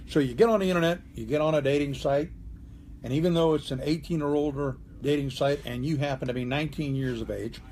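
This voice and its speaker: A man's voice: a little high, creaky, darkish tone, slight background noise. A man, a criminal defense attorney, explaining a legal matter in a conversational way, often checking in with the listener. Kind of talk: direct-to-camera legal explainer.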